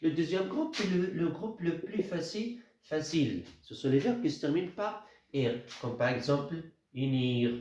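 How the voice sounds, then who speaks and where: A man teaching a grammar lesson, speaking slowly, repeating words and spelling out letters. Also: fairly high pitch, lively intonation, a little mellow. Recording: echoey room, dull lo-fi sound.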